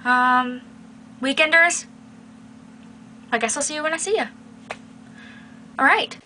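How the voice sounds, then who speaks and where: A woman's voice: high-pitched, slow, pushed and bright. A young adult woman chatting casually and playfully to camera as a video blogger, recorded in a small bedroom on the camera's mic. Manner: playful, teasing. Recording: noisy home webcam-style recording.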